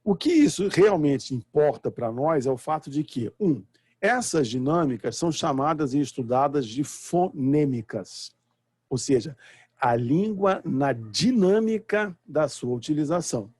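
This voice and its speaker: A man's voice: fairly high pitch, expressive, measured pace, a little mellow, breathy edge, no room sound. A middle-aged Brazilian man with a Brazilian Portuguese accent, teaching a live online university lecture from home, explaining patiently and often checking that students follow.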